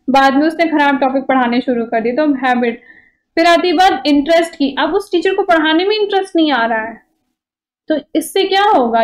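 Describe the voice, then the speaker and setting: High-voiced woman teaching, conversational. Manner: conversational, checks in with "ठीक है" often. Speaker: exam-prep teacher. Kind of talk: explanatory online lecture.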